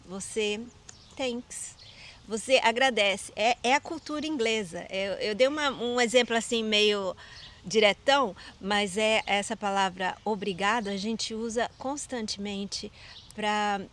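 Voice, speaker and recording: A woman's voice: mid-range voice, a little slow, a bit bright. A woman from Brazil with a Brazilian Portuguese accent, hosting a casual chat and quizzing her guest. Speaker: host.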